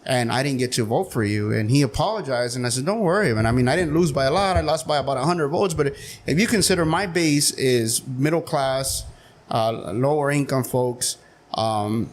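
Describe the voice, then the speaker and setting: A man's voice: medium pitch, moderate pace. A man in his forties speaking as a podcast guest, telling his story in a frank, candid way with plenty of fillers. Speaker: podcast guest, city council member. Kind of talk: casual interview chat.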